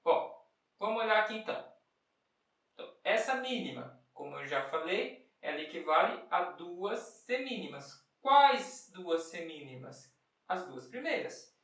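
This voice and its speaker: A patient music teacher walks through rhythms one bar at a time, posing questions and then answering them. The voice sits at an ordinary middle pitch and chants short rhythm syllables. It is picked up from a distance in a strongly echoing room. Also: big pitch swings, unhurried, fairly bright tone. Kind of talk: step-by-step music lesson. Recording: very echoey room, mic far off.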